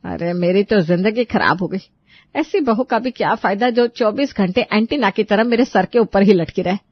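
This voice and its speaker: A woman lightly acts out an exasperated, gossipy older Indian mother-in-law and her aunty friend in an audio story, complaining dramatically. Her mid-range voice moves at a moderate pace, and the recording is dry and lo-fi.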